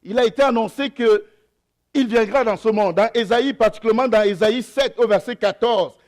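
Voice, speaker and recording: With a high-pitched, darkish voice, a young adult pastor whose first language is an African mother tongue reads scripture slowly, then preaches his sermon with hesitant pauses and repeated phrases.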